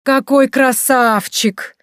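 Showy fortune-teller, put on by a female narrator; loud, slow and sing-song. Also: medium pitch, no room sound, studio quality, voice pushed up, natural voice. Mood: theatrical. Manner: loud, drawn-out, theatrical. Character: woman posing as a gushing fortune-teller.

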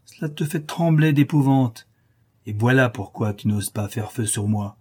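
A man's voice: mid-range voice, normal speed, mellow, slightly rough, lightly acted. A man voicing a fierce young warrior woman whose defiant voice is guttural with metallic inflections.

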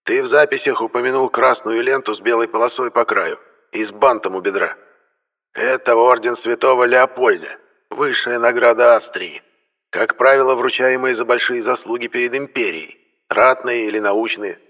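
A man's voice: medium pitch, moderate pace, bright, forceful tone, pitched above the performer's own voice. Man doing a genial old antique dealer. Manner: courteous, lecturing, pleased with himself.

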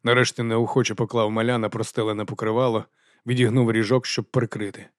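A man narrating a first-person fantasy audiobook in a measured, quiet storytelling voice. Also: lowish voice, little pitch movement, dry recording, clean studio sound.

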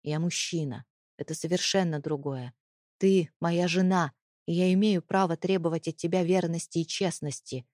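A woman voicing a cold, threatening husband in an audiobook, speaking in low hissed threats. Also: moderate pace, dark tone, dry recording, clean studio sound, natural voice. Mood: menacing.

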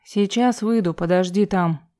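A woman voicing a bitter young man, rude, loud and sarcastic. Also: medium pitch, a little slow, natural voice.

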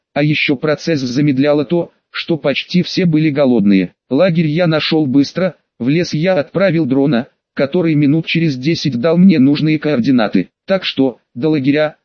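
A man narrating a first-person audiobook in a steady, matter-of-fact way. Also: fairly high pitch, no echo, lo-fi sound.

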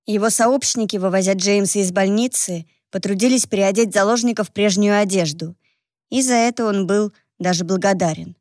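A woman reading a novel aloud as narrator, in an even, measured way. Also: mid-range voice, dry recording, studio quality. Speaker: audiobook narrator. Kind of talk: scripted narration.

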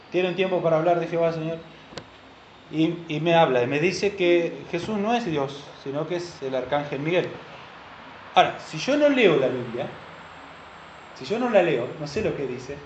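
A man preaching a sermon as pastor, animated and asking the congregation questions. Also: a little high, slight background noise. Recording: dull lo-fi recording in a roomy hall.

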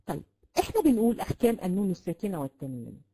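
A woman with an Egyptian Arabic accent teaches a classroom lesson on Quran recitation, patiently explaining, repeating sounds to demonstrate, and filling pauses with drawn-out sounds. Her medium-pitched voice is warm and sing-song, though the recording is rough.

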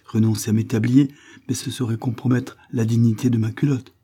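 A man's voice: medium pitch, level tone, fairly quick, mellow, slightly rough, pitched above the performer's own voice, lightly acted. Casting: fawning little shopkeeper in love, eager and raised, read by a man. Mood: pleading. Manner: eager, effusive. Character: small lovestruck man, an eager grocer.

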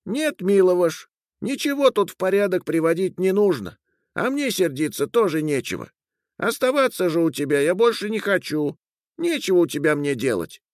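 A man's voice: sits high, sing-song, normal speed, dry recording, clean studio sound, voice pushed up. Man doing a thin-voiced stern little spirit. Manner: solemn, reproachful pronouncements. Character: small grumpy male house spirit, thin-voiced and stern.

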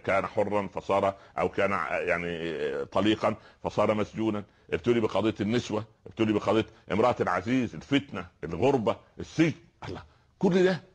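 Egyptian male preacher, quick and lively sermon voice, sits low in pitch. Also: husky. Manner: fast, animated storytelling preacher with rhetorical questions.

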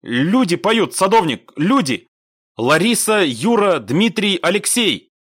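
A young soldier on the radio, voice pushed high and tight with urgency, as a male narrator puts him on. He reports in short, clipped military phrases. The recording is dry and close. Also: expressive, unhurried, no room sound. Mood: urgent.

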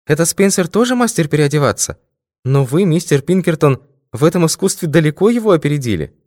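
A man's voice: fairly high pitch, sing-song, fairly quick, a little mellow, no echo, clean studio sound, pitched above the performer's own voice. A man voicing an anxious young woman. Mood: admiring. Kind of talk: audiobook character voice.

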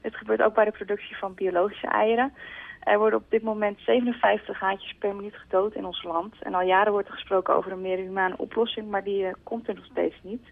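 Gravelly woman leaving a voicemail. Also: mid-range voice, fairly even intonation, fast, phone-quality sound. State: leaving a voicemail message by phone. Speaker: spokesperson for an animal-rights group. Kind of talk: reading a prepared phone message.

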